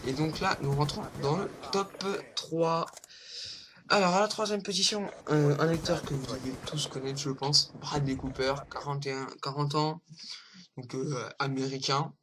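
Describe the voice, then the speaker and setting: A man's voice: fairly high pitch, fairly even intonation, normal speed, noisy background. A young man hosting a casual countdown vlog, hesitant, with lots of fillers and rambling asides. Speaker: vlogger. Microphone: low-quality home recording.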